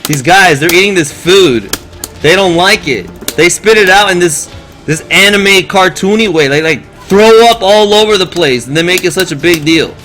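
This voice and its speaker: A man's voice: high-pitched, lively intonation, moderate pace, pushed and bright. A man ranting in casual, profane, exasperated talk to his live-stream viewers, telling a story with lots of animation.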